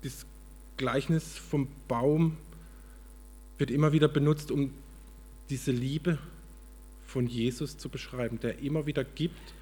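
Brief: earnest male preacher, calm storyteller, medium pitch, a slightly husky voice. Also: in a large hall. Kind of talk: storytelling sermon.

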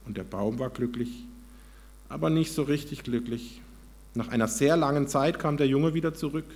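A man narrates a children's story aloud to an audience in a calm, measured way. His mid-pitched voice carries a noticeable gravelly fry. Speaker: speaker reading a story to an audience. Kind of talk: storybook reading within a talk.

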